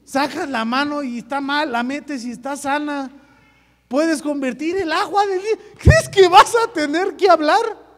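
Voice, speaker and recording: A man's voice: very high voice, moderate pace, a bit bright. A man voicing God as patient but exasperated, teasing in casual slang. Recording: echoey hall reverb.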